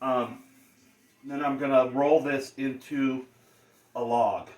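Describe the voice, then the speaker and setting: A man's voice: medium pitch, little pitch movement, takes it slowly, darkish tone. A man hosting a casual cooking demonstration, talking in laid-back stoner slang. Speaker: cooking show host. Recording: roomy, distant mic, faint noise.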